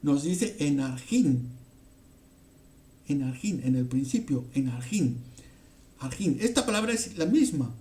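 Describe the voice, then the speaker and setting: A man from teaching a Bible passage in a halting way, with many fillers and frequent "ok?" check-ins. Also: a little high, lively intonation, mellow. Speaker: preacher.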